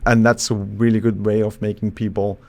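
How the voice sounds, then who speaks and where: A man from Iceland, a psychologist guest on a podcast, explaining in a thoughtful, halting way with frequent restarts. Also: fairly low pitch, little pitch movement, darkish tone. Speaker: psychologist and charisma expert guest. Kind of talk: casual podcast interview.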